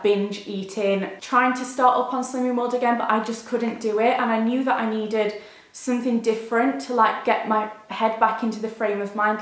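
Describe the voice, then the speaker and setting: Young woman, echoey room. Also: fairly high pitch. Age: 20s. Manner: confiding, informal, frequent 'like'. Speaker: video blogger. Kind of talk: candid chatty update to viewers. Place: bedroom, indoors. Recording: roomy indoor echo.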